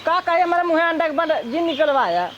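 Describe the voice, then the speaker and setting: A woman playing a sharp-tongued, unyielding village sister-in-law with an Awadhi accent, scolding scornfully in a comedy skit. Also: extremely high pitch, very animated, brisk, dull audio, a little hiss or hum. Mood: scornful, refusing. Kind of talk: broad rural comedy skit acting.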